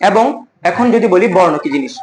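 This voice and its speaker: A man's voice: high-pitched, animated, a little mellow. A young man teaching a lecture, asking questions and answering them himself. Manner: repeats key words slowly for emphasis. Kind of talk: classroom lecture.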